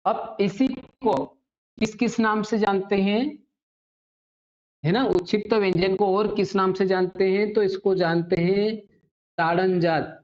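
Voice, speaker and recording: A woman teaching a Hindi grammar lesson to students. She often checks in with "ठीक है?" and slows right down to spell out sounds and definitions. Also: medium pitch, fairly even intonation, darkish tone. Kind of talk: online classroom lesson. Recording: slightly dull lo-fi audio.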